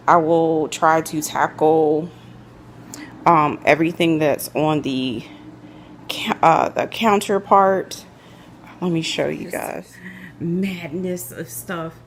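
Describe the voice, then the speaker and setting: A vlogger chats casually while cleaning her home kitchen on a phone camera, relaxed and chatty, often correcting herself. Her voice is lowish with vocal fry, and there's a little hiss or hum in the recording.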